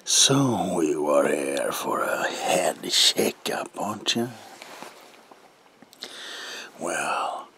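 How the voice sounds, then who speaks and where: A man playing a gleefully menacing clown supervillain as a mad doctor in an ASMR roleplay, with a gravelly, breathy voice and theatrical, drawn-out phrasing. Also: very deep voice, expressive, pushed and bright, heavily acted. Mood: gleeful greeting.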